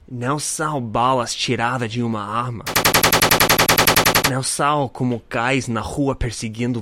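A man with a clear American accent, a native English speaker, talks in Portuguese as a solo podcast host. His phrasing is simple, like a learner's, and he repeats himself for emphasis in a casual, motivational monologue. The sound is dry, with a mid-range voice. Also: medium pitch, no echo. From United States.

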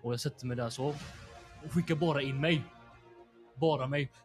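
A man's voice: mid-range voice, darkish tone, soft background music. A young man, a podcast host telling a long story in a rambling, slangy way full of fillers.

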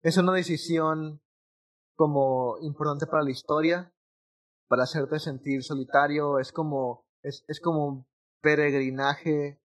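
A young man in casual gaming chat, talking in an animated, rambling way with slang and restarts. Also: fairly high pitch, unhurried.

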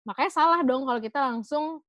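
A woman's voice: high voice, fast, fairly bright tone, no echo. A woman patiently explaining things in a casual chat, slipping in English phrases. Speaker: guest explaining emotions.

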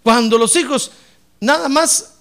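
A man preaching a lively sermon as a pastor, acting out church members in comic voices. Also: very high-pitched, a little slow, creaky.

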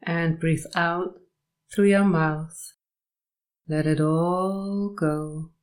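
Leading a sleep hypnosis and meditation session, a woman speaks in a lowish, steady tone. Each short, soothing phrase is measured and followed by a long pause.

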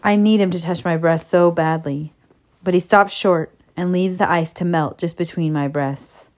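A woman narrating a first-person erotic story in a soft, steady, intimate reading. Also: lowish voice, moderate pace.

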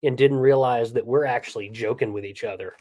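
A man's voice: mid-range voice, a little fast, a little mellow. A man co-hosting a podcast in casual banter, telling stories and ranting for laughs. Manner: ranting storyteller, jokey, laughs often. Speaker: podcast co-host.

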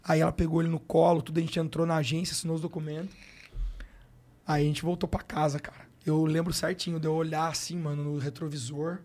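A man's voice: on the high side, little pitch movement, fast, darkish tone. Slangy Brazilian man telling a story. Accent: Brazilian Portuguese. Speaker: sports coach, podcast guest. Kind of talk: casual storytelling interview.

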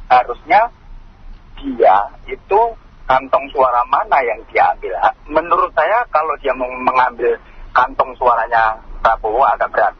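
Male radio caller, husky voice, hesitant with fillers, muffled lo-fi phone line. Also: mid-range voice. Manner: hesitant, many fillers and pauses. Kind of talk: phone-in commentary.

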